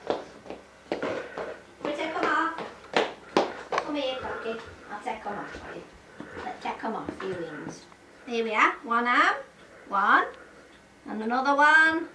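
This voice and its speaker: An older woman, coaxing a toddler in sing-song baby talk at home, sometimes dropping to soft murmurs. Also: fairly high pitch, expressive, a little slow, pauses often, echoey room. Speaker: grandmother playing with a toddler. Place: family home, indoors. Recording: distant home-video audio with background noise.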